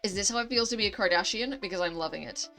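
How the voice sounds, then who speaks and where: A woman's voice: medium pitch, rapid-fire, bright, forceful tone, faint music behind. A woman voicing a brash, flamboyant teenage boy from a mobile story game, with sassy, boastful banter.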